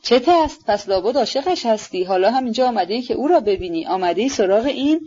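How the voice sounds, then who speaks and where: A woman reading an audiobook, voicing an imperious, sharp-tongued older noblewoman who scolds and demands answers. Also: fairly high pitch, animated, slightly rough, lo-fi sound. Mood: fierce.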